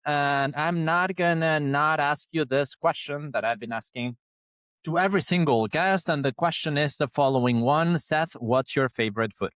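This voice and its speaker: Argentine-accented man hosting, halting speech. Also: a little high, fairly bright tone, clean tone, no echo. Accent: Argentine Spanish. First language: Spanish. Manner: halting, many restarts. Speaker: podcast host. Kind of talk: casual interview chat.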